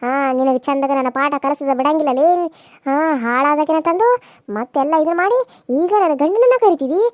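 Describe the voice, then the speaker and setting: A woman's voice: high voice, a little fast, no echo, studio quality, close to an everyday voice. A woman voicing a vengeful, menacing village wife in a cartoon serial, taunting. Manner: taunting, threatening.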